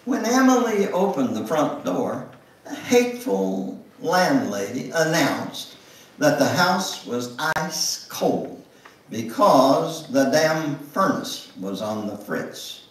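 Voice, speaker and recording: A man giving a dramatic, expressive reading of a memoir as a guest speaker in a church. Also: a little high. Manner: expressive, slow, with big swings in delivery. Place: church sanctuary. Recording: echoey church from a distance.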